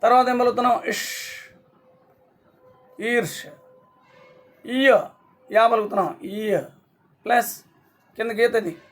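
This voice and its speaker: A man teaching a class online, sounding out syllables slowly and often checking that students follow. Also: very high voice, faint music behind. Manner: slow syllable-by-syllable explaining, frequent checks.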